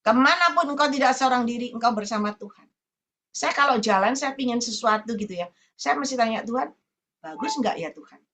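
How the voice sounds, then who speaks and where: A woman's voice: high voice, fairly bright tone. A woman evangelist preaching a sermon to an online meeting, colloquial and repetitive, stressing points by saying them again.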